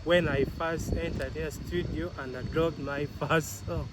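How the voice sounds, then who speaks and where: A Ugandan reggae artist in his thirties answers interview questions, his voice on the high side and a little slow. He's animated, laughs often, and tends to repeat himself, with outdoor street noise in the background.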